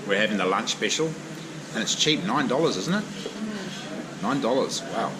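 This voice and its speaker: Casual male vlogger, broad New Zealand accent, blokey slang, recorded over clear street and outdoor noise. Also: on the low side, lively intonation, moderate pace. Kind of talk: casual vlog chat. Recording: noisy outdoor vlog audio, traffic and ambience.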